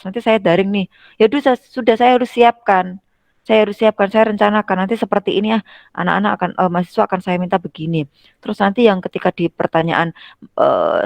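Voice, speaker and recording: A woman's voice: fairly low pitch, no room sound. Woman lecturer, dry close sound. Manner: conversational, acts out classroom examples with shifting intonation. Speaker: university lecturer. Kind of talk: recorded lecture on teaching skills.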